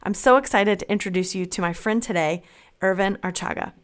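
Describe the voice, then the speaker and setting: Lady hosting a kids podcast, cheery and slow, medium pitch. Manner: cheerful, speaks slowly to children. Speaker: podcast host.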